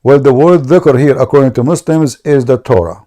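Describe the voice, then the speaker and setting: A man's voice: medium pitch, lively intonation, a little slow, warm tone. Insistent man debating in two languages. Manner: switches between classical Arabic and English, pressing and insistent. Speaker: host. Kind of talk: live debate call-in broadcast.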